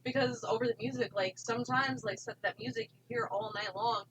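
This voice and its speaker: A woman's voice: fairly high pitch, steady tone, a little fast, fairly bright tone, highs cut off. Rambling woman with light background hiss. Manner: rambling, many fillers like "like". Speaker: haunted house actor. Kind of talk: casual chat.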